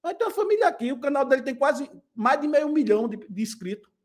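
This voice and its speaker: A man's voice: very high voice, big pitch swings, fast talker. A man hosting a live stream and commenting casually, repeating himself and ending lines with little tags asking for agreement. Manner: chatty, repetitive, ends lines with "né?" and "viu?". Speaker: pastor and channel host commenting.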